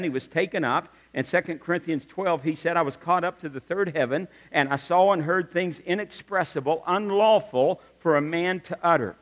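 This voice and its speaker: A middle-aged male pastor delivering a sermon with a fairly high voice, moving between earnest teaching and humorous storytelling. His words ring out with a long reverb, as in a large church sanctuary. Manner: animated storytelling with humorous asides.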